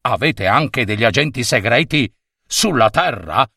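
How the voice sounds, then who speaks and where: A mild middle-aged professor answers with slow, wry irony, as a man puts him on. The voice sits lower and softer than the narrator's own. It is recorded close and dry. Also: lively intonation, creaky, slightly rough, dry recording, full character voice.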